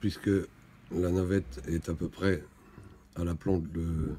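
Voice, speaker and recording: A man's voice: low voice, flat delivery, takes it slowly. A man giving matter-of-fact live technical commentary as a radio operator, reporting signal and position. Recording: loud radio static and clicks. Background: radio hiss and receiver clicks.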